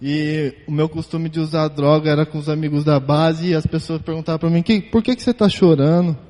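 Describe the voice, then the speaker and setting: A man with a Brazilian Portuguese accent giving an emotional church testimony, halting and repeating words as he speaks. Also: on the high side, fairly even intonation, warm tone, in a large hall.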